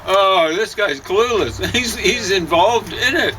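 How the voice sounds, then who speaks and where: A man with a high-pitched, pushed and bright voice speaks slowly and expressively while grumbling out sardonic opinions in casual chat on an outdoor deck. The mic is distant and outdoor traffic noise is clearly audible.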